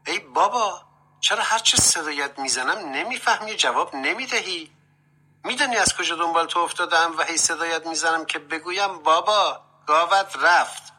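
A man voicing a sly male thief in a told folk tale, loud and pushy. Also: medium pitch, big pitch swings, husky, pitched above the performer's own voice, exaggerated voice, low-quality recording. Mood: urgent scolding. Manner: loud, urgent, scolding.

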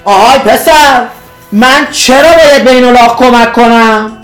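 Commanding old king, read by a man; raised, high voice, proclaiming. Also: a bit bright, reverberant, faint music behind, rough recording.

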